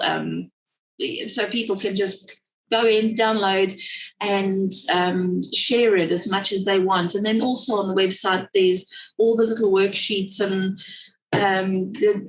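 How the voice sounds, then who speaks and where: A woman with a South African accent and a medium-pitched voice appears as a guest speaker on a video call webinar; she writes children's stories. She talks casually and rambles, with lots of fillers and restarts, and the recording is rough.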